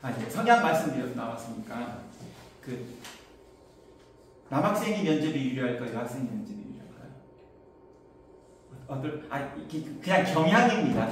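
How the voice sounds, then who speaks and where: A middle-aged man, an academy instructor, giving an info session to parents in a chatty, anecdotal way, pushing his voice higher to carry. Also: animated, normal speed, pauses often, slight background noise. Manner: chatty, anecdotal, raises pitch to project. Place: lecture room. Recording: distant mic, very echoey hall.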